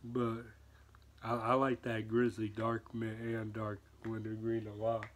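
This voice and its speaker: A man's voice: fairly low pitch, monotone, measured pace, slight background noise. A man in a casual, laid-back product review chat, talking with dip in his lip.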